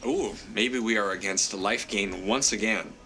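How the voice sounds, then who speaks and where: A man with a fairly low, pushed, bright voice speaks a little slowly over slight background noise. Stuffy from a cold, he chats about the card game he's playing, thinking aloud, laughing at himself often, and apologizing to his opponent.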